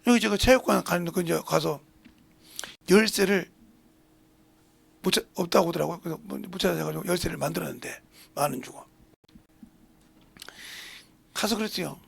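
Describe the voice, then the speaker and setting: Older guy preaching, real gravelly and husky, goes quiet then loud, kinda high voice. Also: a little fast, pauses often. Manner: swings between hushed asides and loud emphatic preaching. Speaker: pastor. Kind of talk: sermon.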